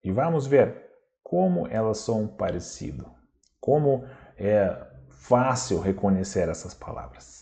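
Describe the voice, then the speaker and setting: Slow, deliberate male language teacher. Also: fairly low pitch, lively intonation, creaky, dark tone. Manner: slow, deliberate, repeats words to model pronunciation; asks rhetorical questions, often adds "né?". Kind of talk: online language lesson.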